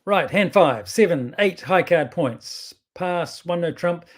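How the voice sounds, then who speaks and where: A man's voice: on the high side, animated, slow pace. Man with a broad Kiwi accent. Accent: strong New Zealand. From New Zealand. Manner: informal, rambling, self-correcting. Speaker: bridge player presenting his own videos. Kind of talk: casual thinking-aloud game commentary.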